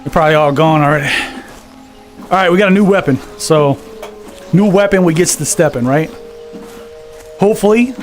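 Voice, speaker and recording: A man chatting casually on a live game stream, out of breath from walking on a VR treadmill and reading viewer comments aloud. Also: on the high side. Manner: reads viewer comments aloud and chats back. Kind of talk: casual live-stream chat while gaming. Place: home gaming setup on a VR treadmill.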